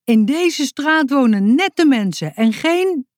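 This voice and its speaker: Shrill angry neighbor woman, put on by a storyteller. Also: expressive, slow pace, dry recording, studio quality. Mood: indignant. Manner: shouting, scolding. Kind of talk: storybook read-aloud.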